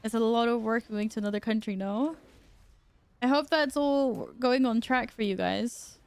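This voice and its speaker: A woman's voice: a little high, normal speed, clear, resonant tone. A woman live-streaming a game, chatting casually and informally with viewers and teammates, given to exclamations.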